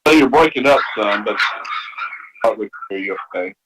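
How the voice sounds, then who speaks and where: A man's voice: on the low side, lively intonation, normal speed. Man on a noisy conference call line. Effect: heard over a conference call line. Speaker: participant on the call.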